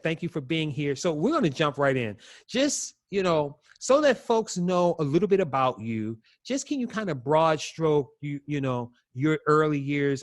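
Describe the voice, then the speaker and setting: Man, show host, upbeat and conversational, fairly high voice, dry close sound. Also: no room sound. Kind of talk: podcast interview hosting.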